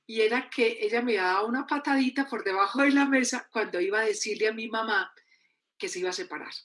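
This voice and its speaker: A woman's voice: on the high side, a bit bright. A woman, a psychologist, telling a family story in an interview and acting out the voices of her relatives.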